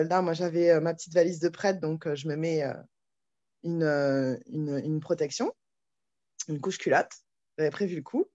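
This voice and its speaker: A woman's voice: on the low side, darkish tone. A young woman telling the story of her second child's birth at home in a chatty, casual way, often laughing and restarting her sentences. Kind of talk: casual spoken testimony. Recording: slightly dull lo-fi sound.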